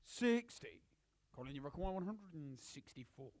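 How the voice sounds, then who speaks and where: A man working as a darts score caller, announcing scores and checkouts in a formal, emphatic, drawn-out style. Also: a little high, very animated, noisy background.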